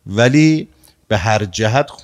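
Man preaching, loud then hushed. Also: expressive. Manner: swings between raised emphatic lines and hushed low asides. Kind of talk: sermon with retold story.

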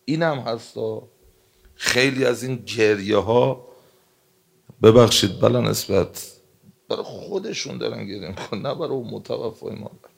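A man preaching a sermon, telling stories and reciting religious texts in Arabic, moving between loud emphatic passages and hushed ones. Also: mid-range voice, vocal fry, long pauses, slightly rough. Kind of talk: emotional sermon with storytelling.

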